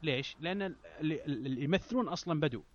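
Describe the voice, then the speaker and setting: A man's voice: on the high side, lively intonation, dry recording. Muffled-sounding man. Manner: halting and repetitive, insistent. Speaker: panelist on a film discussion show. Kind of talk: casual chat.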